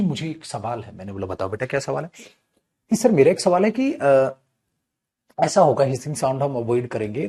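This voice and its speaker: This is a male English grammar teacher giving an online class. His voice rises and falls a lot, and he keeps a playful, teasing manner with his students. He slows right down to spell out key phrases and acts out the questions his students might ask. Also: medium pitch. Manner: lively, teasing, addresses students as beta and chhutku; spells phrases out slowly for emphasis.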